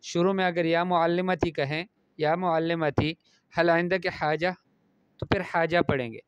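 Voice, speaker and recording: A man's voice: fairly high pitch, fairly even intonation, smooth, no echo, muffled recording. A man teaching a lesson, reading Arabic phrases aloud and explaining each one. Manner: reads Arabic phrases then explains them. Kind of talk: classroom lesson explaining Arabic pronunciation in Urdu.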